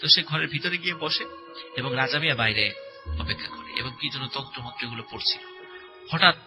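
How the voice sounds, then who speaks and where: Speaking with a mid-range voice, this male guest shares a spooky tale with a host in a chatty way. His delivery stops and starts, circles back on itself and is padded with fillers, all while keeping the tension up. Music runs prominently behind him.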